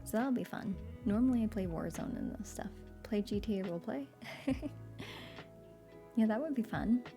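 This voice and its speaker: A woman streamer with a sleepy morning voice, chatting with viewers in a relaxed way between soft readings aloud. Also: medium pitch, moderate pace, gravelly, over music. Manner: relaxed, chatty, laughs often. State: morning voice, still waking up.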